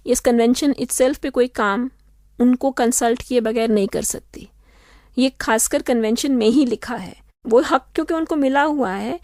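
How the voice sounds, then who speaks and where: Steady and explanatory, a woman with a somewhat high voice works through her points as an expert guest on a radio interview. The studio recording is close and dry, without echo.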